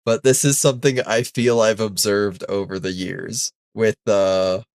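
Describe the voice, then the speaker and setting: A man's voice: fairly low pitch, steady tone, unhurried, no room sound, clean studio sound. A man co-hosting a podcast in casual chat, making crude jokes and swearing freely. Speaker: podcast co-host.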